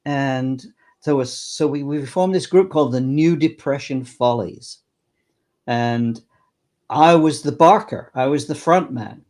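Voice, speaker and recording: A man's voice: medium pitch, a little mellow. Rambling older man, full of restarts. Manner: rambling, halting, many restarts. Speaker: interview guest, clown performer. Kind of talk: reminiscing interview talk.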